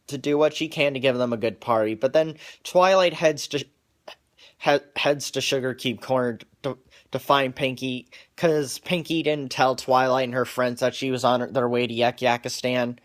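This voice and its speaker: A man casually recapping a cartoon episode for viewers, stumbling through restarts and repeated words as he goes. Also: mid-range voice. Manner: wears glasses on camera.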